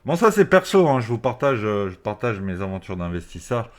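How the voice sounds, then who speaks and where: A man with a fairly low voice talks through a face mask. He comments on the markets off the cuff, as a video host would, in a casual, slangy way with the odd swear word. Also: sing-song, brisk. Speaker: crypto trading video host.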